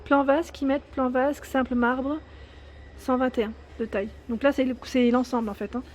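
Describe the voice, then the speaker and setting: A shopping vlogger with a high voice and a French accent keeps a steady tone and a slightly fast pace as she casually walks through a large home improvement store indoors. Enthusiastic throughout, she reads out prices and sizes, and the audio carries a little hiss or hum.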